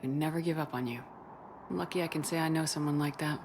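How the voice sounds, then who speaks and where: A woman's voice: low voice, steady tone, quick pace, background noise. A woman playing a tough, loyal military commander in a video game, talking in a cool, dry, assured way. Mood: sincere. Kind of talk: cinematic video game dialogue.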